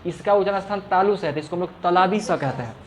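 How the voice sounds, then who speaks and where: A man's voice: high voice, fast, slight background noise. A male teacher giving a classroom lesson, patiently explaining and repeating each sound for the students. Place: classroom with a fan running.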